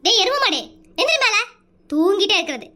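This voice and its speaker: Cartoon comedy: performer as a frazzled, nagging mother, very high and fast, all threats and scolding. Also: big pitch swings, bright, forceful tone, heavily acted. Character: scolding frazzled young mother, shrill temper. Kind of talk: Tamil cartoon comedy dub.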